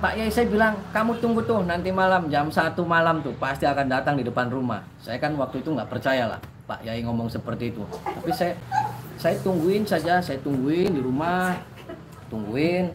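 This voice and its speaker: A man recounting his own story in animated fashion, acting out the voices of the people in it and often correcting himself mid-sentence. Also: fairly high pitch, normal speed, background noise. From Indonesia. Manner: lively, acts out quoted voices, many self-corrections.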